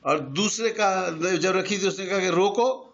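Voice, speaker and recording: A man's voice: high-pitched, gravelly, a bit bright. An older man teaching Arabic grammar in a conversational lesson, patiently explaining with examples and mixing in English words. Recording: dull lo-fi recording.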